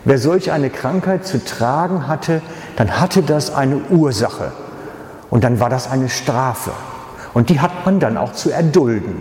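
Male preacher, slow and expressive, acts out the story, reverberant church room. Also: medium pitch. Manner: dramatic storytelling, acting out voices. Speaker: pastor. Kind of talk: sermon. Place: church hall. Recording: echoey reverberant church hall.

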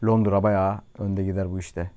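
A man's voice: sits low, flat delivery, moderate pace, mellow. Earnest Cypriot Turkish singer in his thirties. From Cyprus. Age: 30s. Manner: earnest, reflective, with hesitant fillers. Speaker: singer, interview guest. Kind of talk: casual chat. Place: studio.

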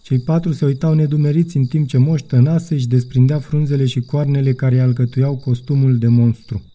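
Man narrating a children's story, dark tone. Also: medium pitch, fairly even intonation. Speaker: audiobook narrator. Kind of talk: scripted narration.

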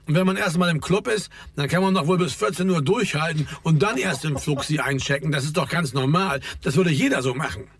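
A man's voice: on the high side, a little fast, hardly any pauses, no echo, studio quality, close to an everyday voice. A man voicing an agitated, complaining male club organizer. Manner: worked-up, complaining.

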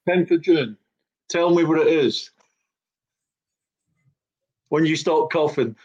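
A man's voice: on the high side, slow, darkish tone, a little hiss or hum. A man on a fan podcast panel speaking in a cheerful, offhand way. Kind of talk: casual podcast chat. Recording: dull lo-fi call audio.

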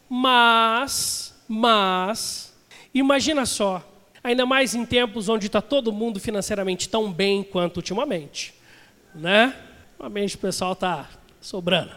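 A man's voice: very high voice, fairly bright tone. A man preaching a sermon as a pastor, chatting with his congregation and asking them questions. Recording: long hall reverb.

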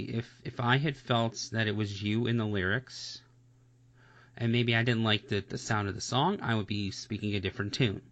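A man in a casual reaction chat, talking bluntly and swearing, often repeating "seriously" and "honestly.". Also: medium pitch. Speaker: music reaction co-host. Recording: dull lo-fi sound.

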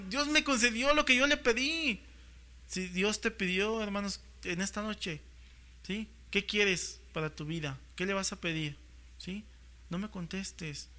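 Guy preaching, high pitched, super bright voice, animated, acts out little scenes. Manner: preaching with frequent "¿sí?" checks to the congregation. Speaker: pastor. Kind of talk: sermon.

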